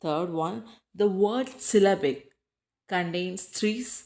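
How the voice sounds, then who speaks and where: A woman with a Malayali accent teaching a textbook lesson, reading English lines slowly and deliberately, then explaining them quickly. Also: mid-range voice, a little mellow.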